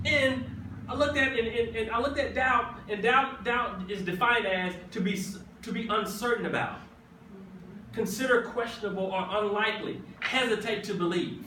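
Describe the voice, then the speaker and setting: A man preaching a sermon as pastor. He speaks emphatically, repeats his phrases, and builds up to shouts. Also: high voice, moderate pace, background noise. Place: church sanctuary. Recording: echoey church from a distant mic.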